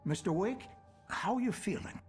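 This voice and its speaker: An actor playing a kindly old small-town doctor and fisherman in a video game, folksy and gently hesitant. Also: high-pitched, expressive, moderate pace. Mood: reassuring. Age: older. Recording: background music under voice.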